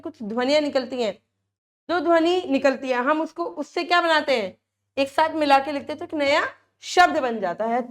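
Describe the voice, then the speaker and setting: High-voiced woman teaching small children. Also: fairly bright tone. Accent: Hindi. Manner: slow, repeats each word for children; frequent checks with "ठीक है". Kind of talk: children's grammar lesson.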